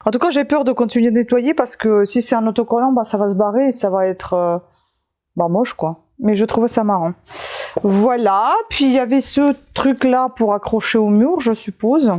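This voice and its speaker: A woman's voice: fairly high pitch, normal speed, a little mellow. A woman chatting casually to camera as she shows her street finds, rambling and breaking off for joking asides, tired and overheated. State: hot and tired. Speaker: vlogger showing her street-find haul.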